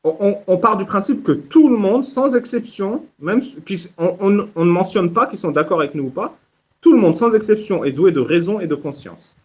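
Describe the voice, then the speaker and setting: A man's voice: high-pitched, lively intonation, brisk, a little mellow, husky. A man hosting a casual live audio chat, joking and often restarting his sentences. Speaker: host.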